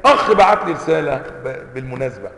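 A man with an Egyptian accent teaching a religious lesson in an animated way, often asking his students rhetorical questions. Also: medium pitch, fast talker. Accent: Egyptian Arabic. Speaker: sheikh teaching hadith sciences. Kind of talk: classroom lecture. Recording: echoey hall reverb.

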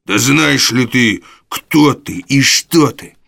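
A man's voice: lowish voice, moderate pace, bright, forceful tone, no echo, studio quality. A man voicing a brutal male burglar who growls threats. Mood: threatening. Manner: gruff, threatening.

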